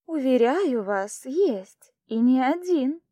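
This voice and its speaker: A woman's voice: high voice, animated, slow, warm tone, no echo, pitched above the performer's own voice, full character voice. A woman voicing a strict female duel judge at a magic academy, speaking in a dry, impassive, formal way. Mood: cool.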